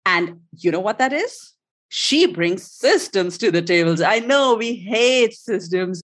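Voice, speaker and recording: A woman's voice: mid-range voice, animated, unhurried. Woman, podcast host, eager and gushing, interview chat. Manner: enthusiastic, effusive.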